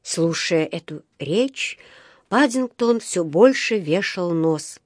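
A woman's voice: on the low side, slow, dry recording, studio quality. Woman narrating a storybook. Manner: expressive, voices each character. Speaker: audiobook reader.

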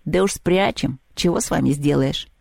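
A narrator voicing a gruff, grumbling male house spirit in a storybook reading, with a mellow, dry sound. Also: mid-range voice, sing-song, moderate pace, dry recording. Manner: grumbling, matter-of-fact.

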